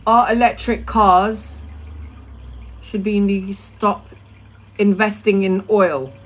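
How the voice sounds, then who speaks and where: A woman's voice: mid-range voice, steady tone, slow, poor audio. A middle-aged woman chatting casually on a live stream, answering viewers' questions as a tarot reader in a blunt, sweary, rambling way.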